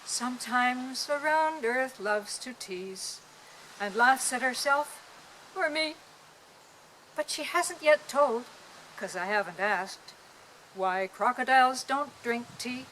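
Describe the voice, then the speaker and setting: A woman poet reciting her poems to a small audience in an outdoor park, with a gentle, lilting delivery. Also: high voice, takes it slowly, a little hiss or hum, rough recording.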